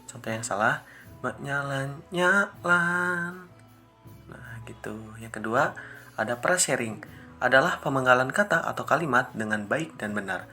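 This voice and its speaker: A young male teacher giving a lesson to children, explaining singing technique step by step and singing short example phrases slowly. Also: mid-range voice, bright, forceful tone, soft background music.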